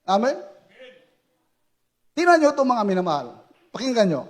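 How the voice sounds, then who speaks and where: High-pitched fervent preacher man. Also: very animated, normal speed. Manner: fervent preaching with shouted praise and acted war story. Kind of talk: sermon.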